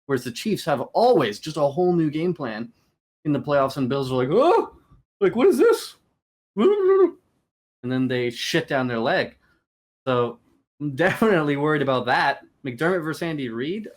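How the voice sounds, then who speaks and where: Excitable man hosting a sports podcast. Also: mid-range voice, normal speed. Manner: excitable, laughs often, hypes his picks. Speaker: podcast co-host. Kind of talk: casual sports chat.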